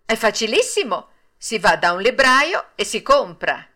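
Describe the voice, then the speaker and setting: A woman voicing an excitable wooden puppet boy in an Italian storybook reading, speaking high and eager. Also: measured pace, exaggerated voice.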